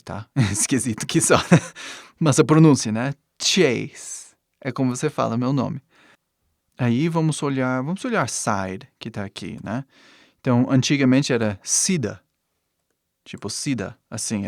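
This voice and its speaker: A male English teacher, a native English speaker, explains pronunciation in a video lesson. His mid-range voice is a little mellow, recorded with clean studio sound and no room sound, and his explanations are dotted with check-ins of "né?" and "tá?".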